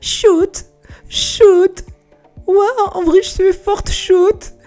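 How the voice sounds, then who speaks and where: Yoo Sun-yoon, a man doing a squeaky young huntress. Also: steady tone, drawn-out words, darkish tone, soft background music, heavily acted. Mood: gleeful. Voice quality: high falsetto. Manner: squeaky, giddy, exaggerated. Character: young female hunter, nervous then trigger-happy.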